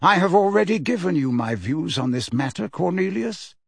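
A man voicing an elderly wizard who speaks calmly, lightly and clearly in an audiobook. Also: high voice, normal speed, dry recording, pitched above the performer's own voice, exaggerated voice. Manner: calm, light, quiet but clear. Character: calm, wise elderly wizard headmaster.

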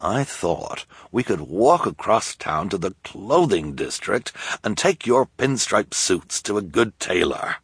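A gentle, eager-to-please guardian who never argues, as a man reads him. His voice lifts above the narrator's, slow and soft-spoken, with a husky texture. It is dry and close. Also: lowish voice, very animated, no room sound, heavily acted. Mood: friendly mild. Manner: mild, apologetic, eager to please. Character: meek, kindly adult male guardian.

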